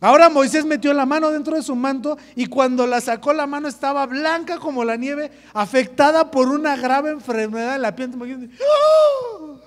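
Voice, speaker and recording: High-voiced, joking youth preacher. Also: male voice, fairly quick, few pauses. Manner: lively, joking, slangy. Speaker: youth group speaker. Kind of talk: casual youth sermon. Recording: echoey hall reverb.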